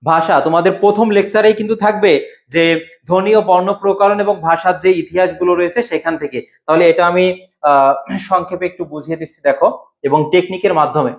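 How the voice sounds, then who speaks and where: A man's voice: high-pitched, steady tone, fairly quick. A young man teaching an exam-prep lesson as a Bengali lecturer. He quizzes his students, repeats each answer and waits for their replies.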